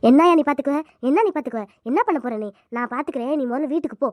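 A woman's voice: high voice, racing, dry recording, voice pushed down, natural voice. A woman voicing a bossy, stubborn village mother-in-law who scolds and commands in a cartoon.

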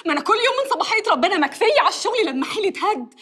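Casting: a worn-out Egyptian maid, bright, very high, quick pleading voice. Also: female voice, big pitch swings, full character voice. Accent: Egyptian Arabic. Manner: pleading, aggrieved. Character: weary put-upon housemaid. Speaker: actress. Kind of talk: TV drama acting.

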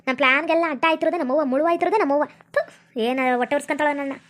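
A woman playing a scheming young village woman who mutters her grudges fast, in a village family drama. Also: high-pitched, fairly even intonation, a bit bright. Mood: resentful.

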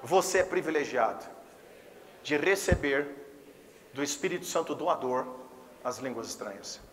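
A man with a Brazilian Portuguese accent preaching a Pentecostal sermon as a pastor, impassioned, swinging between hushed and exclaiming passages. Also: mid-range voice, lively intonation, unhurried, big-room sound. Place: church service.

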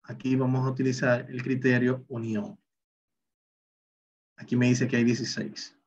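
A man with a medium-pitched, darkish, monotone voice teaches a recorded online Excel class at normal speed, explaining every step and reasoning through each calculation aloud. The distant mic gives a slightly dull, lo-fi sound with a little hiss or hum.

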